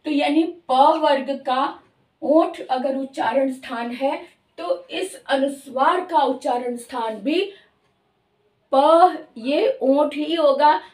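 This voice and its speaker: High-pitched lady teacher going slow over each sound, echoey room, a bit far from the mic. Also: a little mellow. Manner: slow, careful, drawn-out demonstration of sounds. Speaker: Hindi grammar teacher. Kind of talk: explanatory lesson.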